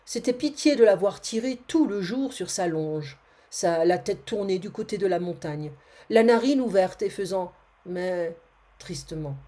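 Female narrator for a storybook reading, expressive, mellow, warm tone, some self-corrections. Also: mid-range voice, moderate pace. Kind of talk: reading a classic tale aloud.

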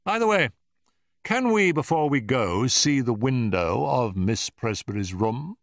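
A male narrator performs an urbane, unflappable gentleman detective, wry and polite, in a brisk, analytical mood. His pitch sits above a natural male voice and moves expressively, animated but unhurried, like a classic storybook reading. The sound is clean studio audio with no room sound.

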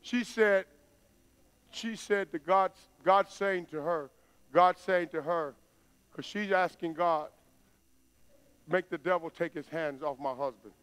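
A middle-aged man preaching in a church, chatty and plain, then building to loud, emphatic outbursts. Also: a little high, slow pace, long pauses, smooth. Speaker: pastor. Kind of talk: sermon. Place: church sanctuary stage.

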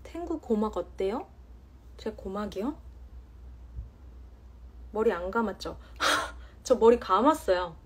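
A woman's voice: mid-range voice, lively intonation, takes it slowly, long pauses, slightly rough. A woman in her thirties from Jeonju, chatting casually on a phone livestream, reading viewer comments in a playful, teasing way and drawing out words for emphasis. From Jeonju, Korea. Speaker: livestream host. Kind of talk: casual live-stream chat reading comments.

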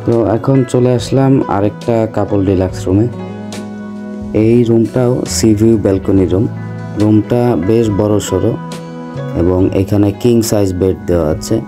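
With music playing behind him, a Bangladeshi-accented man in his thirties speaks at normal speed in a fairly low voice. He's a travel vlogger walking viewers through a hotel review.

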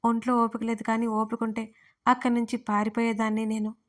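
Woman narrating an emotional story in a flat, steady voice. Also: on the high side, brisk. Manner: emotional storytelling, voicing all characters herself. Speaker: writer and narrator. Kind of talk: first-person audio story narration.

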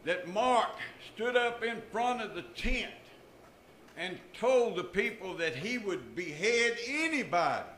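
Older man, preaching, slow and bright, echoey church. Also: sits high, very animated, a little hiss or hum. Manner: preaching with emphatic rises and drops, quoting scripture figures. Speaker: pastor. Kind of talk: sermon. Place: church sanctuary, at a pulpit.

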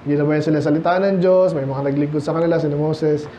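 A man's voice: a little high, little pitch movement, fast talker, warm tone, a little hiss or hum. A Filipino man preaching a sermon as pastor, switching between Tagalog and English and firing rhetorical questions at the congregation. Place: church.

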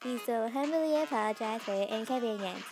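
A woman's voice: fairly high pitch, a little fast, darkish tone, soft background music, close to an everyday voice. A woman voicing a sensible, mildly sardonic teenage girl in a cartoon, speaking casually. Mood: wry. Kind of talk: acted cartoon dialogue.

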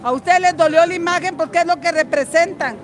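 With a very high-pitched voice and a slightly quick delivery, this older Guatemalan woman argues her politics as an activist in a street interview. Crowd noise and music fill the busy outdoor setting, and her tone is heated, combative, and coarse.

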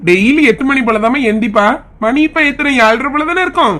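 In a comedy skit, a woman with a Kanyakumari Tamil accent plays a weary married son who begs his mother and sticks up for his wife, sounding exasperated while trying to smooth things over. Her voice is high, expressive, fairly quick, and slightly bright.

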